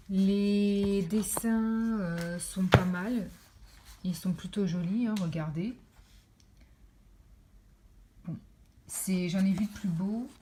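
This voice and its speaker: Mellow-voiced woman chatting about books. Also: lowish voice, slight background noise. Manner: chatty, many fillers, shows pages to camera. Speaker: book reviewer. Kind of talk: casual book review vlog.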